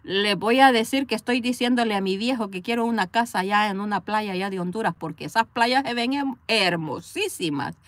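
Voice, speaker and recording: A Salvadoran woman with a Salvadoran accent hosts a livestream from a parked car, reading viewer comments, joking with commenters, and laughing a lot. Her medium-pitched voice is brisk with few pauses, and the phone recording sounds dry.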